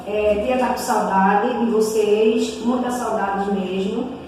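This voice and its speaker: A Brazilian woman teaching a recorded primary school lesson, slowly spelling out syllables and examples. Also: medium pitch, fairly even intonation, a little mellow, a little hiss or hum. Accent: Brazilian Portuguese. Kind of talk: recorded remote class lesson. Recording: echoey room, mic far off.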